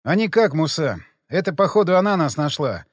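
Brief: male reader doing a hungover, lovesick young man, tired wry delivery, lively pitch. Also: a little fast, dry recording, clean studio sound. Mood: weary, wry.

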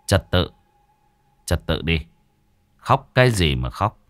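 A man voicing a young male shaman who speaks in an unhurried, firm and coaxing way. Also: low voice, big pitch swings, a bit bright, dry recording, clean studio sound, heavily acted. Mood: calm firm. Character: calm young male shaman, commanding but kind. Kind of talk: storytelling.

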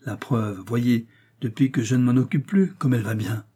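A modest, kind-hearted doctor , voiced by a male narrator, speaking gently and without hurry. His audiobook voice is dark and mellow, with a breathy softness. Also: medium pitch, lightly acted. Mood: gentle. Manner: gentle, measured. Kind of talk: audiobook character voice.

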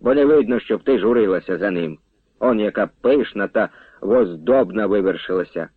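A man's voice: lowish voice, expressive, normal speed, breathy edge, no room sound. Brief: male reader as jolly old villager, exclaiming, thin radio sound. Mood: teasing. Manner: hearty, exclaiming. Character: merry old village grandfather, boisterous. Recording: tinny dry radio recording.

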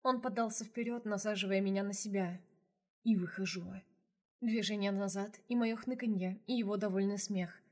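A woman's voice: mid-range voice, steady tone, fairly quick, hardly any pauses. A woman reading a first-person novel aloud as an audiobook narrator, in an intimate storytelling manner.

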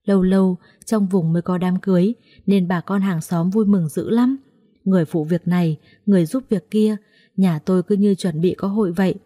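A woman narrating a first-person audiobook story in a lively, conversational way. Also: fairly low pitch, moderate pace.

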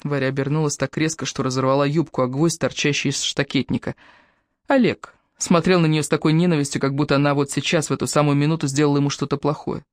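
Audiobook narrator, mid pitch, even storytelling, dry studio. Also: fast talker, no echo. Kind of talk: scripted novel narration.

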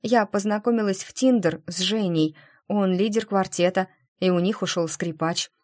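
A woman's voice: mid-range voice, moderate pace, a little mellow, natural voice. A woman voicing a flustered, shaken young female violinist.

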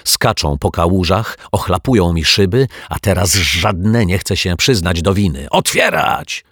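A man's voice: low voice, unhurried, a bit bright, breathy edge, no echo, studio quality, full character voice. A man doing a growling surly detective. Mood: grumbling. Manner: growling, rude. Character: surly bullying middle-aged male detective. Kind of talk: audiobook character voice.

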